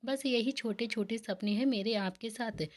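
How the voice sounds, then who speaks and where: A woman reading the lines of a gentle young wife, in an affectionate, innocent way. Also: fairly high pitch, normal speed, close to an everyday voice. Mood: tender. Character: gentle young wife, sweet and soft-spoken.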